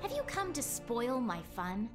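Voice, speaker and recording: An actress voicing a mocking, charismatic young sorceress in a video game, with a teasing, sarcastic way of talking. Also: female voice, on the high side, huge pitch swings, measured pace, music in the background.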